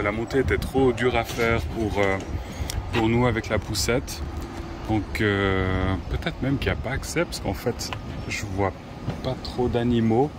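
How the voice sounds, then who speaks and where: A man, a teacher vlogging outdoors at a zoo in a slow, hesitant way with many pauses. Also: mid-range voice, background noise. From Switzerland. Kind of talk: casual vlog narration.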